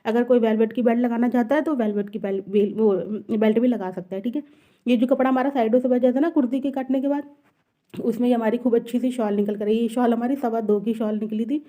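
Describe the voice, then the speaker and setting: Bright, quick woman teaching dress cutting. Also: fairly high pitch, steady tone. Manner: patient, repeats each measurement. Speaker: tailoring teacher. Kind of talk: step-by-step sewing tutorial.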